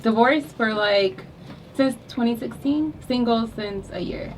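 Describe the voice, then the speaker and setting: A woman's voice: on the high side, unhurried, a little mellow. Woman in her thirties, matter-of-fact, distant mic, background noise. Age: 30s. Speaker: panel guest. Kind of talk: casual podcast chat.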